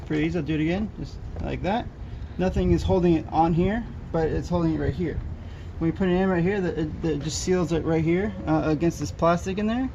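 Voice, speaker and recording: A man's voice: fairly high pitch, creaky, warm tone, muffled recording, a little hiss or hum. A man casually walking viewers through a car repair outdoors, easygoing and hesitant, full of fillers. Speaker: DIY car repair vlogger. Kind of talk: casual how-to walkthrough.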